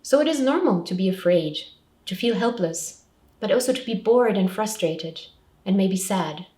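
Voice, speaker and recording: A woman with a mid-range, expressive voice and a warm tone speaks at a normal speed, presenting a scripted public information talk as a support counsellor. She gives simple, clearly structured, step-by-step advice in short sentences. The recording has a roomy echo from a distant microphone.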